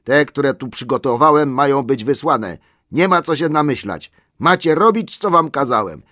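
A man's voice: mid-range voice, animated, normal speed, sharp tone, no room sound, clean studio sound, pitched above the performer's own voice. A man voicing a grumpy, drowsy old male elf butler in an audiobook, grumbling and scolding.

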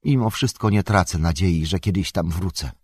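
A man voicing a young male hobbit who is loyal, excitable and fretful, bursting out in agitated, indignant speech. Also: deep voice, a little slow, gravelly, husky, no room sound, studio quality, exaggerated voice. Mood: despairing. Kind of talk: audiobook character voice.

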